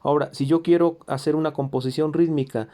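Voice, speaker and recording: A man's voice: on the high side, steady tone, brisk, dark tone. A man teaching a recorded music theory lesson, explaining patiently with fillers and self-corrections. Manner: sings rhythms in syllables.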